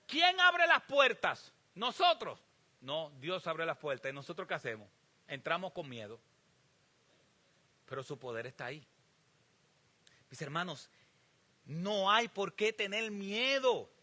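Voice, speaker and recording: A pastor preaching a sermon, asking the congregation emphatic rhetorical questions. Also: male voice, fairly high pitch, animated, unhurried, pauses often, bright, forceful tone. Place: church sanctuary.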